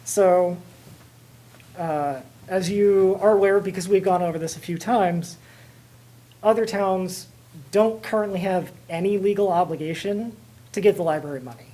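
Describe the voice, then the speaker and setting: An American woman, a board trustee, formally putting questions at a public meeting in a measured, deliberate way with pauses. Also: mid-range voice, mellow.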